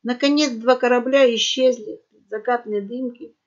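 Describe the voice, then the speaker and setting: A woman narrating a storybook in a lively, dramatic way, on a dull lo-fi recording. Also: fairly high pitch, moderate pace. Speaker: audiobook narrator.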